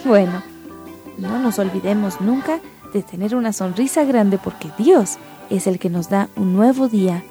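A woman hosting a children's radio program, reading a story aloud and leading a Bible memory verse in a lively, teacherly way. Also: mid-range voice, normal speed, soft background music.

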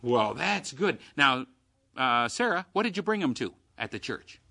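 A man hosting a children's religious radio program in a folksy, avuncular, upbeat style, like a chipper old-time ad pitch. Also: sing-song, a little slow, creaky, sharp tone, dry recording, studio quality. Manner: avuncular, addresses children as fellas and gals.

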